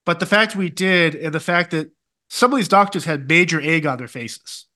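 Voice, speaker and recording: Bright, forceful higher-pitched man chatting. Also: moderate pace. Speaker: podcast co-host. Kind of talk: casual personal storytelling.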